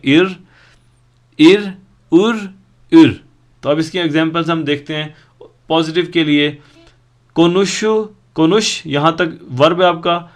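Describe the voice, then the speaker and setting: Slow, patient male language teacher. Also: on the high side, fairly bright tone. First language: Urdu. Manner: patient, drills word forms slowly one by one. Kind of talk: explaining grammar in a recorded lesson.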